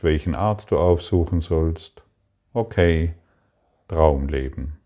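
Slow, deep-voiced man teaching spirituality. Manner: calm, repetitive, addressing the listener directly. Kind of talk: spoken spiritual lesson.

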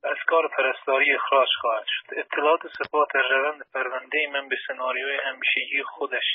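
A man giving an earnest, formal prepared statement as an activist over a telephone, with a slightly husky voice. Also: medium pitch, level tone, dry recording. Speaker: imprisoned labour activist. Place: phone call from prison. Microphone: telephone handset. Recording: tinny, muffled phone line.

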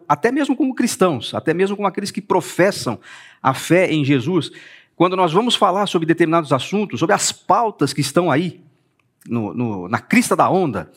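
A man with a Brazilian Portuguese accent giving a conversational talk in a church, presenting his book and speaking straight to the listeners. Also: on the high side. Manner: conversational, addresses listeners directly. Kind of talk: church talk streamed live.

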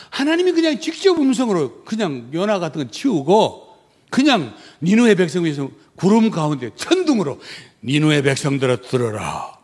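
A man's voice: high-pitched, darkish tone, slightly rough. A middle-aged man who is a missionary, preaching a sermon emphatically and asking the congregation rhetorical questions.

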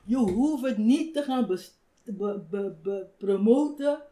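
An older woman, a writer, telling stories in a relaxed conversational interview, animated and laughing often. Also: medium pitch, slow. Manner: animated, acts out quoted voices, laughs often. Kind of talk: reflective conversational storytelling.

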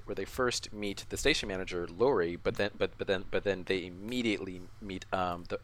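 Male podcast co-host, lower register, casual recap, halting delivery full of restarts. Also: a bit bright. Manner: halting, many restarts and repeated words. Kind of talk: casual chat, episode recap.

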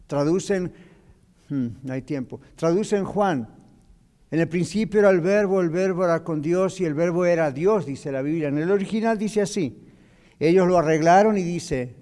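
A man's voice: fairly high pitch, mellow. A man teaching a Bible class as pastor, explaining patiently and slipping in English phrases. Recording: long church hall reverb.

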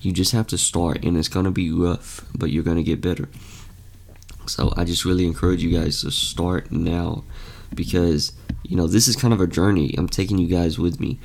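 Low and creaky with a darkish tone, this young man talks at normal speed with fairly even intonation. In his late teens, he hosts a casual motivational podcast, speaking earnestly with many fillers and restarts.

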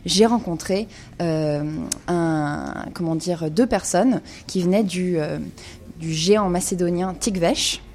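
Low, mellow-voiced woman talking wine. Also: slow. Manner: informative, many hesitations with euh. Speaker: wine columnist. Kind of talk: radio wine segment, partly read.

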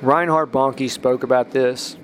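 A man's voice: medium pitch, fairly even intonation, a little slow, slight background noise. Rambling man hosting a faith podcast. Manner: rambling, with restarts and emphatic rises. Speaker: podcast host.

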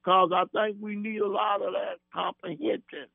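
A man calling into a radio show over a phone line, talking in an earnest, folksy way with many halting fillers and restarts. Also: sits high, flat delivery, creaky, no room sound. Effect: radio show caller on a phone line. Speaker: caller. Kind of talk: call-in chat. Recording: tinny phone line with mains hum.

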